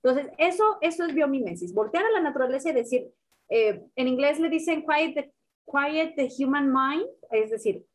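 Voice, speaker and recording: Young Mexican woman, guest expert, lively casual delivery, a bit high-pitched. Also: normal speed. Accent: Mexican Spanish. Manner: animated, casual slang, frequent fillers. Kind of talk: conversational explaining.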